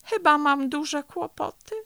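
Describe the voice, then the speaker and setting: Woman doing friendly young bear boy, breathy and surprised, storybook. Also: high voice, steady tone, a little slow, fairly bright tone, dry recording, pitched above the performer's own voice.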